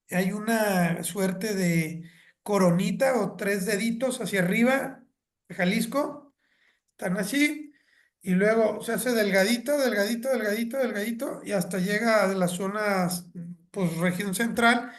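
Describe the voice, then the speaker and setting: A woman with a Mexican accent giving a graduate lecture over a video call, explaining in a conversational way with homely examples and asides. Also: medium pitch.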